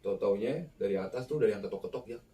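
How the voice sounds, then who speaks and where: Animated man telling a horror story. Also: quick pace. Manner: animated, acts out the quoted people with sharp jumps in pitch. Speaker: guest storyteller. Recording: roomy, mic far off.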